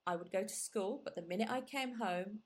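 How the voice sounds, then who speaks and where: Speaking fairly quickly at a medium pitch, this reflective podcast host from England, a native Gujarati speaker, keeps her casual interview warm. Fillers and restarts come up often.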